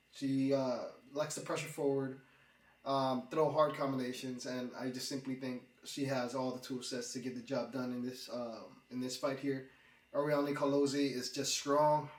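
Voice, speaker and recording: A man who hosts an MMA channel, congested with a cold, giving a laid-back fight breakdown with plenty of ums and uhs. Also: mid-range voice. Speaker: MMA predictions channel host. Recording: roomy, distant mic.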